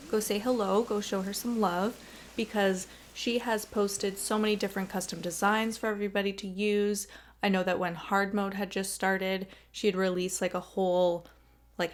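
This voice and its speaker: A young Canadian woman chatting casually over a video game. She sounds bubbly and talkative, with a middle-pitched voice and a self-deprecating streak. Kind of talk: casual chat over gameplay.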